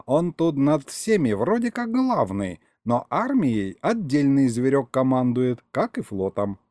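Confiding older crewman, male, quiet asides, mellow tone, read by a man. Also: medium pitch, big pitch swings, a little slow, dry recording. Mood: knowing.

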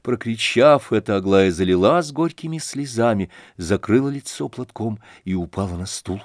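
A man narrating a classic novel in a measured, expressive literary reading. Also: on the low side, dry recording, studio quality. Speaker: audiobook narrator.

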